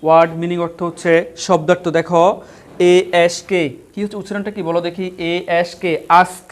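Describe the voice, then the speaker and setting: A man's voice: high-pitched, level tone, a little fast. Man teaching words letter by letter. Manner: spells words letter by letter and asks repeated questions. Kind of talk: online English vocabulary lesson.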